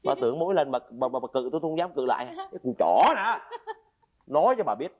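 A henpecked husband turned stern. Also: male voice, sing-song, fast talker, lo-fi sound. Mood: scolding. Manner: gruff scolding with sudden pitch swings. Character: henpecked husband who fakes death and turns stern. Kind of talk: stage comedy sketch. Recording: live stage with audience laughter.

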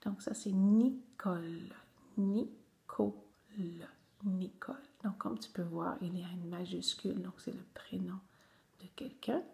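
A woman's voice: on the low side, normal speed, vocal fry, a little mellow. A woman teacher, patiently guiding young children through a reading lesson and repeating each word several times.

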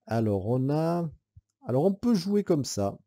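Man with a very dark, lively voice. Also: a little high, unhurried, dry recording, studio quality. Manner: thinks aloud, counting dice and weighing moves; casual, with hesitant fillers and soft laughs. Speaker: board game player explaining rules. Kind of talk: solo board game playthrough tutorial.

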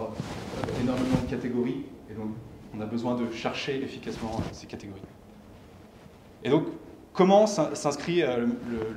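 Presenting his company's software from a lectern, a young adult speaker at a tech meetup gives a technical talk in a mid-range voice. He explains haltingly, one step at a time, frequently posing questions he then answers. The lecture room is noticeably echoey, with background noise.

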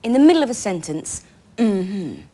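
A woman's voice: mid-range voice, sing-song, moderate pace, warm tone. An actress playing a wry woman who was once in analysis, speaking drily and teasingly, often dropping to a near whisper. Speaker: woman recalling her analysis. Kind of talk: film dialogue.

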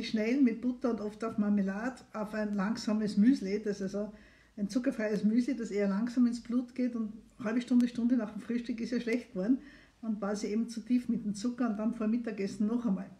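A middle-aged woman doctor hosts a live phone consultation stream, chatty and encouraging as she invites viewers to call in, in casual live stream talk. Her voice is on the high side and mellow.

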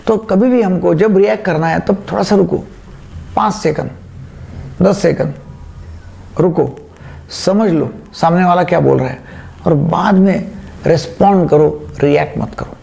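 A man's voice: high voice, measured pace, vocal fry, long pauses, a little mellow. A middle-aged man, a doctor, giving an informal talk and explaining points in a conversational way with homely examples. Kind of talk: informal lecture to camera.

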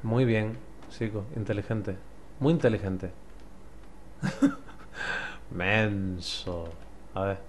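A young man with an accent from Spain, commentating a puzzle game as he plays, muttering, swearing and now and then yelling in frustration. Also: fairly low pitch, fairly even intonation, very slow, long pauses, slight background noise. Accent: Spanish from Spain. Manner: swears a lot, mutters to himself, bursts into frustrated yells. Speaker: gameplay commentator. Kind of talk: let's play commentary.

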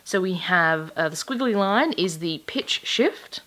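A woman's voice: fairly low pitch, animated, measured pace, a bit bright. A woman co-hosting a casual toy unboxing, laughing often while she explains the instructions step by step. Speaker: toy review co-host.

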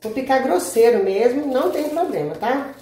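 A woman's voice: high-pitched, expressive, normal speed, warm tone. A Brazilian woman hosting a home cooking tutorial, chatting casually with viewers and checking in with them every few words. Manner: chatty, asks "tá?" constantly, addresses viewers as "gente". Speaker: cooking channel host. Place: home kitchen, indoors. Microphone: camera mic, speaker off-camera. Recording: echoey kitchen room.

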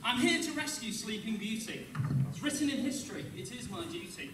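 A man's voice: very high-pitched, expressive, fairly quick. A man playing a vain, foppish young prince in an amateur stage pantomime. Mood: boastful. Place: theatre stage, far camera. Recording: distant, echoey, very noisy stage recording.

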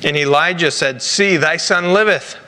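A middle-aged pastor with a Rhode Island accent preaches and reads scripture in a halting, deliberate way, a man at a church pulpit. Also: on the high side, sharp tone. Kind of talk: sermon with scripture reading. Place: large church sanctuary, at a pulpit. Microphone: lapel mic. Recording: echoey church hall with background noise.

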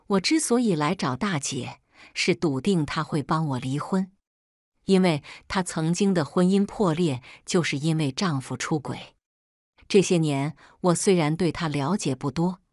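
A woman calmly narrating a first-person drama story in a steady, scripted read. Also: sits low, no room sound, clean studio sound.

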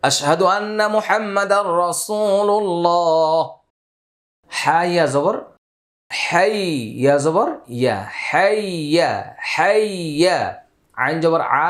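A man teaching Quran reading, spelling out letters and vowel marks and then chanting each word slowly with long drawn-out vowels. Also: a little high, fairly bright tone. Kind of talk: step-by-step recitation lesson.

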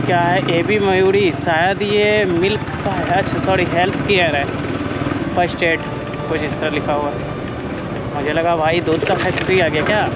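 Young guy from west bengal on his bike, high-pitched chatty vlog talk, loud music in the background. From West Bengal, India. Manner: chatty, keeps calling the viewers guys and brother, many filler words. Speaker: motovlogger. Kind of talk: casual moto vlog narration while riding. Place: outdoors on a motorbike on a highway.

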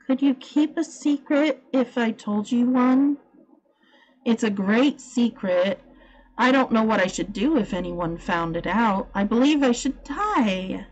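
A shy young girl, eager and earnest, as a woman reads her lines. Her voice rises high and lively as she asks her questions. A plain storybook voice. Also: unhurried, lo-fi sound. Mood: hushed. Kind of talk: storybook reading.

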